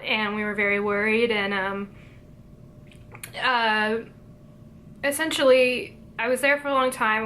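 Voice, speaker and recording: Young woman, bright higher voice, lots of ums, kinda emotional, faint room hum behind. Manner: hesitant, many fillers, emotional. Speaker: vlogger. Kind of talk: personal storytelling.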